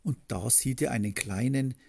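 A man reading a children's story aloud, with a slow, gentle storybook manner and a husky, gravelly voice. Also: mid-range voice.

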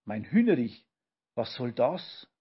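A man doing Olchi Papa, a loud excitable creature dad. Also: mid-range voice, slow, slightly rough, highs cut off, full character voice. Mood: alarmed, excited. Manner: loud startled exclaiming. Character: excitable grubby male Olchi father creature.

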